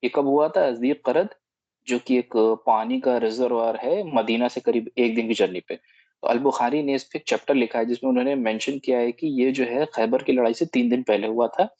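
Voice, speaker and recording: A man explaining a history book to a study group in casual Hindi mixed with English phrases, halting often to search for words. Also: medium pitch, darkish tone, no room sound, muffled recording. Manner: halting, mixes English phrases, many fillers. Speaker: study circle presenter.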